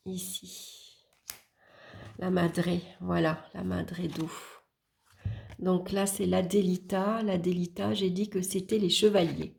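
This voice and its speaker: A woman's voice: fairly low pitch, little pitch movement, vocal fry. A woman presenting a tarot deck, unhurriedly naming the cards as she flips through them with small hesitations. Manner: unhurried, murmuring card names while flipping, with small hesitations; warm, admiring remarks about the artwork. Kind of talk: casual deck walkthrough.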